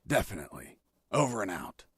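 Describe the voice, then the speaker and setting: An actor playing a wry, cool-headed secret agent on the run in a video game, with terse deadpan delivery. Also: male voice, deep voice, fairly quick, a little hiss or hum. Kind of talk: video game dialogue and narration. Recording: music behind.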